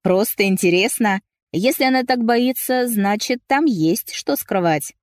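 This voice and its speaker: A woman voicing a mocking young man in a storybook reading, speaking softly with a teasing edge. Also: fairly high pitch, animated, measured pace, no echo, clean studio sound, voice pushed up. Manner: quiet, soft, mocking.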